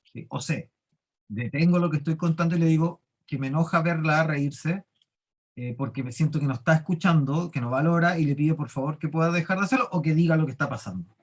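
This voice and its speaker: A man's voice: fairly high pitch, fairly quick. A man with a Chilean accent teaches a leadership class. He explains step by step and keeps putting questions to the class. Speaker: workshop teacher.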